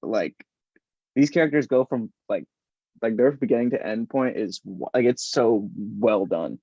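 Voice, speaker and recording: A man talking loosely on a podcast, animated and rambling, laughing often as he goes. The sound is dry and a little muffled, like a low-fi home recording. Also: measured pace, breathy edge, no room sound. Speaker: podcast guest. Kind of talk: casual chat.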